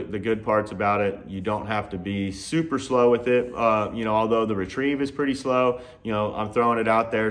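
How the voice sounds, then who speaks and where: Thirtyish guy in his garage shop, lowish voice, laid back fishing report, lots of uhs. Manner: relaxed, frequent "uh" and "you know" fillers. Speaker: fishing guide and host. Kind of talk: casual fishing report to camera. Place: indoor garage workshop with tackle shelves.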